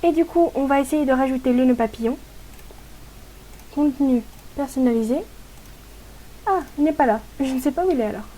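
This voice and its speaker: A woman with a high, mellow voice talks through a game tutorial in a relaxed voice-over style. She explains step by step in a chatty way, often hesitating mid-sentence. Her tone is soft and warm rather than bright. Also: a little fast, pauses often, slight background noise. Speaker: gaming tutorial host.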